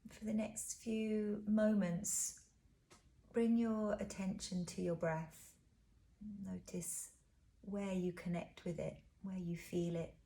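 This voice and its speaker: This relaxation teacher has a mid-range voice with little pitch movement, guiding a body scan in a calm, gentle, unhurried way. Her phrases end softly on a breath.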